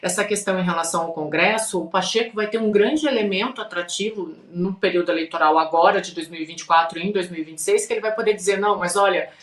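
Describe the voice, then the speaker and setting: A woman from Brazil analyzing politics on a panel show, measured and analytical, often ending with "né?". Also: lowish voice, roomy sound. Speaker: political commentator.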